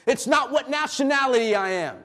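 High-voiced man preaching a sermon. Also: animated, brisk. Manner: call-and-response preaching, rising to shouts. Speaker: pastor. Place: church sanctuary.

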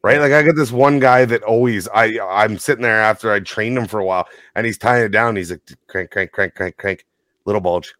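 A man's voice: lowish voice, brisk, no room sound, studio quality. A man in his thirties co-hosting a casual podcast, telling stories and laughing often. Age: 30s. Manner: animated storyteller, laughs often. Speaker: podcast co-host, tow operator. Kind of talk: casual chat.

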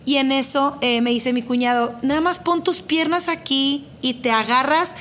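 High-voiced woman telling a story. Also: normal speed, slight background noise. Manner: lively, dramatic retelling with self-deprecating laughs; repeats phrases for emphasis. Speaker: mother telling a personal story. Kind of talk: casual storytelling to camera.

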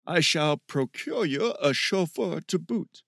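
A man voicing Steve, an excitable, smug teenage boy who talks in a sing-song voice in a storybook reading. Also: on the high side, slow pace, gravelly, dry recording, studio quality, voice pushed up, heavily acted.

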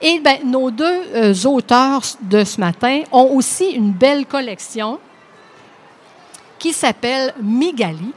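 A woman, presenting comics to a group of children with lively hesitations. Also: sits high, slow pace. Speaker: workshop host for children. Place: library room with children.

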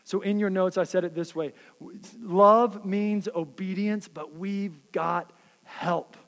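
Man preaching, high voice, earnest and dynamic, long echo of a church hall. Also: fairly even intonation, slow. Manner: earnest, dynamic, drops to quiet then rises. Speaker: pastor. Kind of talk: sermon. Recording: reverberant hall.

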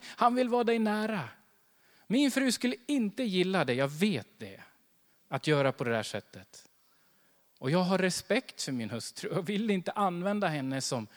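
Animated pastor preaching in echoing church. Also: male voice, high voice. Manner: animated, acts out little scenes and quotes scripture. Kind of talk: sermon. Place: church hall. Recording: long church hall reverb.

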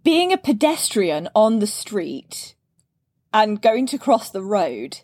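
A woman who teaches English hosts a podcast, reading a scripted intro over guitar music before chatting casually and enthusiastically with her guest and laughing often. Her mid-range voice is sing-song, slow and darkish in tone, with no echo.

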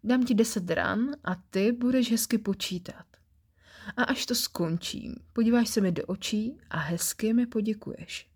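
A woman's voice: on the low side, a little mellow, breathy edge. A woman reading the part of a strict, commanding female office boss, giving clipped, stern orders.

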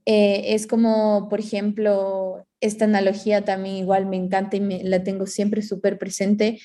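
A woman's voice: medium pitch, monotone, moderate pace, mellow. A woman in casual reflective conversation, explaining ideas through everyday analogies and acting out inner voices.

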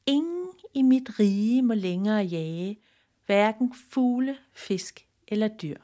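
A woman's voice: medium pitch, animated, dark tone, lightly acted. A woman voicing a proud male human king who speaks emphatically. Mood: moved. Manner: emphatic, exclaiming questions. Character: proud human king, hasty then humbled.

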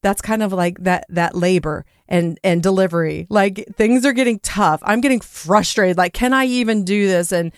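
A woman's voice: lowish voice, normal speed, hardly any pauses, no room sound. Earnest rambling woman podcaster, dry close sound. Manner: earnest, rambling, repeats words when stressed. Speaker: podcast host. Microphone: home recording mic.

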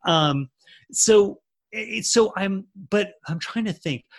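A man's voice: high voice, expressive, slow. A man talking as an author and screenwriter in a casual interview, rambling with lots of fillers and restarts.

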